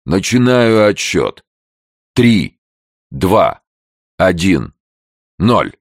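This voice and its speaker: A man voicing an excited young male engineer who shouts a countdown and reports from a screen in a storybook reading. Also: sits low, drawn-out words, dry recording, studio quality, pitched above the performer's own voice, exaggerated voice. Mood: excited shouting. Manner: shouting, eager.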